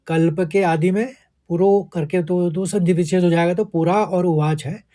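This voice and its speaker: Slow, high-voiced man teaching verse recitation. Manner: slow, careful, syllable-by-syllable pronunciation coaching; chants the Sanskrit verse slowly and louder. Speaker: Gita teacher. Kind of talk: recitation lesson with word-by-word explanation.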